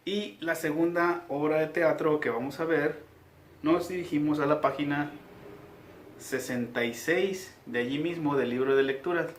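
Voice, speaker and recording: A man's voice: fairly high pitch, fairly even intonation, moderate pace, slight background noise. A male teacher, reading aloud to young pupils in a patient, guiding way. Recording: echoey room.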